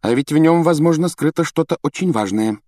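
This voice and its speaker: A man voicing a clever, earnest schoolgirl who explains her ideas quickly and insistently in an audiobook reading. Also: a little high, dry recording, studio quality, voice pushed up. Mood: eager. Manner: quick, animated, excited explaining.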